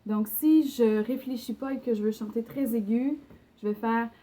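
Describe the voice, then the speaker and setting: Her voice is on the high side and warm, and she talks at a normal speed. She is a young singing teacher with a Québécois French accent, guiding an online lesson patiently with fillers and short sung examples.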